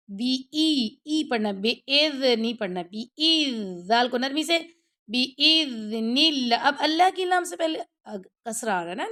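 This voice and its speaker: A woman with a high voice teaches a tajweed lesson online. She explains patiently, one step at a time, and keeps checking that her students follow. English words slip into her explanations.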